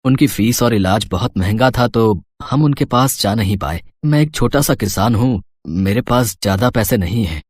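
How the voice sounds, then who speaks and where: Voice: mid-range voice, animated, normal speed, few pauses, darkish tone, no room sound, clean studio sound, natural voice. An actor voicing a humble, worried poor farmer father in a cartoon, speaking earnestly and pleading. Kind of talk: cartoon voice acting.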